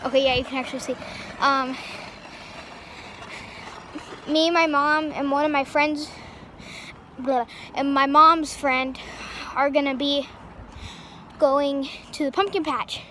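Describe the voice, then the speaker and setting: Rambling high-voiced young female vlogger. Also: fairly even intonation, a little slow, sharp tone, a little hiss or hum. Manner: rambling, many fillers and restarts. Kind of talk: casual vlog chat. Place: outdoors on a street.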